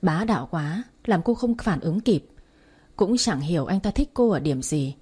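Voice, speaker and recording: A woman reading a romance story aloud in steady, scripted audiobook narration. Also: lowish voice, moderate pace, breathy edge.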